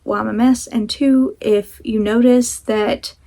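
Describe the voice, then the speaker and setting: A woman with a fairly high voice chats casually to camera as a vlog host. She talks with a sore jaw, her mouth a little restricted, and rambles in an apologetic, self-deprecating way. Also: steady tone, measured pace, mellow.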